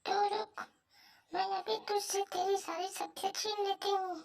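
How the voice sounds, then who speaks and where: A woman's voice: extremely high pitch, fairly even intonation, moderate pace, vocal fry, darkish tone, soft background music. A woman voicing a kind female spirit in a cartoon, a lost boy's mother, who speaks earnestly and protectively. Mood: stern. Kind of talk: cartoon voice acting.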